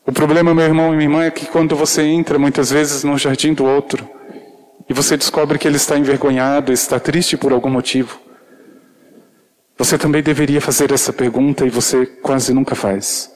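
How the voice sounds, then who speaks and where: A man's voice: on the high side, little pitch movement, a little fast. A male preacher giving an earnest sermon, speaking intimately to the congregation with shy, self-deprecating humor.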